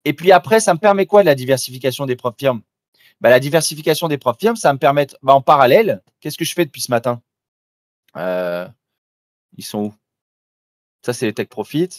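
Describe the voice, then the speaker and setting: A man's voice: mid-range voice, expressive, a little fast, long pauses, no room sound, studio quality. A man doing live trading commentary, talking informally and directly to the listener with frequent restarts. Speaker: trader presenting a live trading demo.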